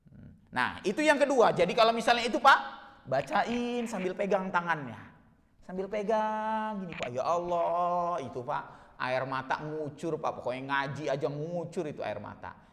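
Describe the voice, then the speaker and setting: A man's voice: fairly high pitch, big pitch swings, normal speed. Man preaching in a reverberant hall. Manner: emotional, swings from soft murmurs to loud exhortation. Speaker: Islamic preacher. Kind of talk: sermon.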